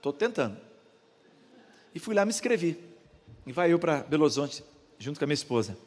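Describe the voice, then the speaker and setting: An older Brazilian pastor with a high voice preaches and tells a personal story, acting out the other people's voices along the way. His accent is Brazilian Portuguese. The sound rings with the long reverb of a church hall. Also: sing-song, a little fast, darkish tone. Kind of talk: sermon.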